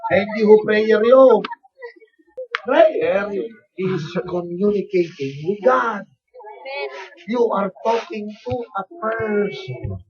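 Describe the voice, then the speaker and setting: A man's voice: sits high, lively intonation, drawn-out words. Man, Filipino accent, bishop, humorous sermon, storytelling, distant mic, muffled noisy recording. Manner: switches between Tagalog and English, storytelling, acts out quotes. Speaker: bishop and preacher.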